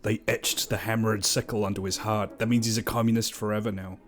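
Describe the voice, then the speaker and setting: A man's voice: fairly low pitch, flat delivery, quick pace. A man riffing jokingly on an old movie in casual chat, laughing often. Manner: jokey, laughs often, puts on old-timey voices.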